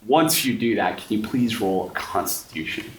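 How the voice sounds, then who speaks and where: A man's voice: lowish voice, animated, moderate pace. A man narrating a tabletop horror game as game master, describing scenes and talking directly to the players. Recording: roomy echo, distant mic, faint noise.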